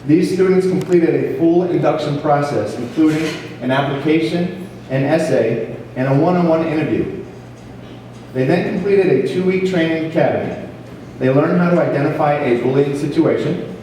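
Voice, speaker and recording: Male speechmaker, earnest and formal, slightly high-pitched, reading prepared remarks in a very reverberant hall. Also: moderate pace, mellow. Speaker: police officer speaking as program leader. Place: large echoing hall at a school ceremony. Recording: echoey hall from far off, faint noise.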